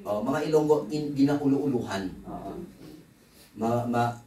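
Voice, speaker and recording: A man's voice: mid-range voice, unhurried, dark tone, roomy sound, far from the mic, slight background noise, rough recording. A man preaching a conference sermon in a conversational, joking way, with asides to the congregation. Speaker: pastor. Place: church hall.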